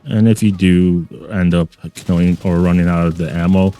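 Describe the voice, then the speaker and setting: Guy doing goofy game commentary at home, real low mellow voice, light music under it. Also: fairly even intonation, moderate pace. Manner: playful, repeats catchphrases. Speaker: gaming channel host. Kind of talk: joking gameplay commentary.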